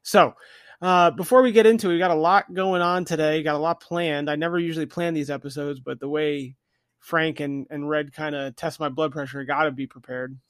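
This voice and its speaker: A man's voice: a little high, fairly even intonation, fairly quick, no echo, studio quality. A man hosting a podcast in a casual, chatty style. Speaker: podcast host.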